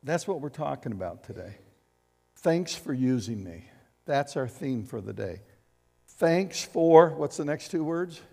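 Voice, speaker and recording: A man preaching a sermon as pastor, animated and acting out quotes as he speaks. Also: medium pitch, a little slow, vocal fry, long reverb tail. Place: church sanctuary.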